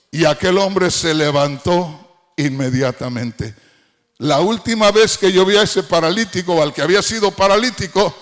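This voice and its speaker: A middle-aged male preacher with a high-pitched voice. He delivers his sermon fervently, breaking into shouts and half-sung phrases.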